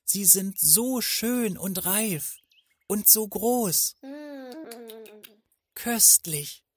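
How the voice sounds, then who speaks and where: A man voicing an excitable little girl in a fairy tale, speaking in a high, bright childlike voice. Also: extremely slow, husky, dry recording, heavily acted. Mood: delighted.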